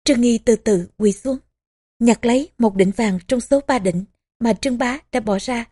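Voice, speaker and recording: A woman narrating a historical novel as an audiobook, in measured, even storytelling. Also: a little high, breathy edge. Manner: measured, even storytelling with small voicings for characters.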